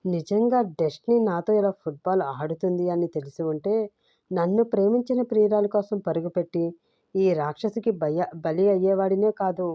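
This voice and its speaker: A grumpy young husband, gruff and quick to scold, as a woman storyteller puts him on. Her take sounds muffled and close. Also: mid-range voice, no room sound, close to an everyday voice. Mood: grumbling. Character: irritable young husband, short-tempered.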